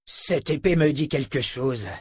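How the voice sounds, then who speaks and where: A man's voice: fairly high pitch, unhurried, darkish tone, husky, no echo, clean studio sound, voice pushed up. A man voicing a cruel, sneering enemy soldier in an audiobook, mocking and smug. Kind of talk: audiobook character voice.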